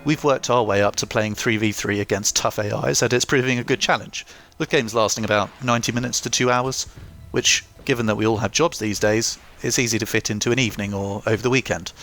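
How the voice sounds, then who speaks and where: A man's voice: fairly low pitch, fairly even intonation, brisk, few pauses, fairly bright tone, faint music behind. A young man reading a scripted game review with dry, self-mocking humour. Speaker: gaming YouTuber.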